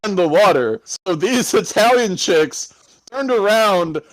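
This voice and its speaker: A man's voice: sits high, lively intonation, slow pace, low-quality recording. A man co-hosting a podcast, telling a story in loose casual chat, swearing often and laughing between lines. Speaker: podcast co-host.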